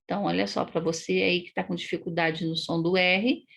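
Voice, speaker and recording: A woman teacher with a Paraná Brazilian accent explaining a lesson to young pupils, patient and explanatory, often checking in with "né?" and sounding out words slowly. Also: lowish voice, steady tone, gravelly, a bit bright. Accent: Paraná Brazilian Portuguese. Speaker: primary school teacher. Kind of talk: recorded online lesson.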